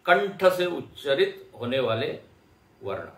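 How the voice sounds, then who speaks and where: A man teaching a lecture class, explaining slowly and patiently and sounding out syllables one by one. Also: medium pitch, big pitch swings, fairly bright tone. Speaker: Vedanta teacher. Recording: echoey lecture hall.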